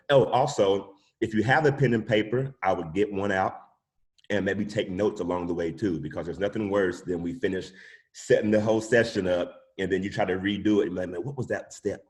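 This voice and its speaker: A man with a very low voice leads a live online music production workshop over a video call. He talks in a loose, chatty way, dropping y'all and yada yada as he goes. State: sucking a cough drop.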